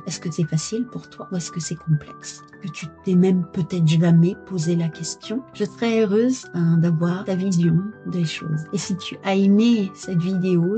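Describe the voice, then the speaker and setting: A woman hosting a personal-development podcast, gently inviting listeners to share and subscribe, in a slightly dull recording. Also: lowish voice. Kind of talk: direct-to-listener outro.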